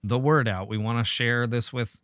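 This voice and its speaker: A man's voice: medium pitch, steady tone, moderate pace, a bit bright, no echo, clean studio sound. A man hosting a casual gaming podcast, rambling through his sign-off with filler hums. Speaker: podcast host. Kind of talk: casual chat.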